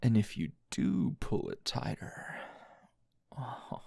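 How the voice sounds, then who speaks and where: In a heavily acted intimate ASMR roleplay, a man with a medium-pitched, creaky, breathy voice plays a teasing, dominant, seasoned anime hero cast as a tender lover. He murmurs breathily and drifts into whispers, the mood tender and sultry, on a dry, clean studio recording.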